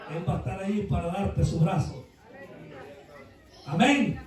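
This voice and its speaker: A high-pitched man preaches in a church, mixing folksy anecdotes with loud, shouted bursts of praise. His voice rings through a very echoey hall. He sounds set back from the microphone. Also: a little slow, far from the mic, some chatter behind. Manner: folksy storytelling, rising to shouted exhortation. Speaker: pastor. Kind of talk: sermon. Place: church sanctuary.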